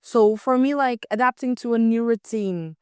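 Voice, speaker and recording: A young woman co-hosts a casual student podcast, chatting through stories and acting out the lines she quotes. Her voice is on the high side and clean at a normal speed, recorded dry with studio quality.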